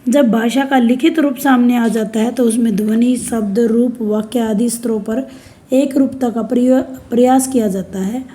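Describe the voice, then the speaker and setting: A woman teacher giving a recorded lecture to university students. She explains deliberately and lists examples one by one. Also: a little high, fairly even intonation, dark tone. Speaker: Hindi language teacher.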